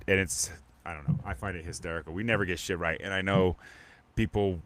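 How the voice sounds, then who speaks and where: Deep-voiced man rambling on a podcast. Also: fairly even intonation, fairly quick, a bit bright. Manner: rambling, stop-start, many restarts and fillers. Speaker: podcast host. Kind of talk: casual live-stream chat.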